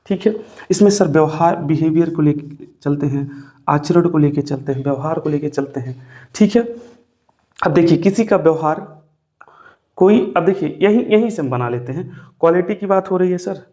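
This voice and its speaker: A man's voice: on the high side, moderate pace, mellow. A man teaching English grammar in a classroom style, dictating notes and coaxing viewers with repeated questions, mixing English terms into his talk. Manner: repetitive, coaxing, addresses viewers as brother and sir; dictates notes, tells viewers to write things down.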